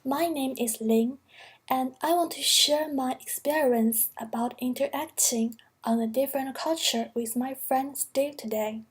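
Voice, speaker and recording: A young woman from China with a Chinese accent, a student reading a prepared narration in a careful, measured way. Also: high voice, slightly rough.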